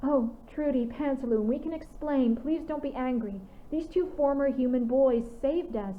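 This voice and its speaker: A woman's voice: high voice, normal speed, pitched above the performer's own voice, close to an everyday voice. A woman doing a pleading young wolf girl. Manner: pleading, anxious. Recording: tinny phone-like audio.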